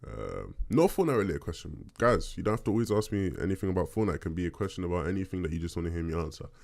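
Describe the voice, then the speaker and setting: A man with a deep bass voice hosting a podcast, casually answering listener questions and often checking in conversationally as he talks. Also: big pitch swings, racing, gravelly, darkish tone. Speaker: podcast host.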